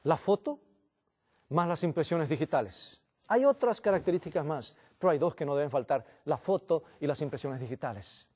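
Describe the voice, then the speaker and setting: A man's voice: a little high, expressive, moderate pace, a little mellow, breathy edge. A man preaching an earnest sermon as pastor in a church, addressing the congregation as brothers.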